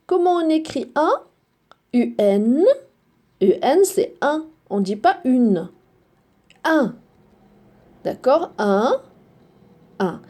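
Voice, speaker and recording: A high-voiced woman teaches a phonics lesson to children, speaking slowly and carefully. Her pitch moves a lot as she spells out letters and repeats words. She keeps checking in with the class. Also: mellow.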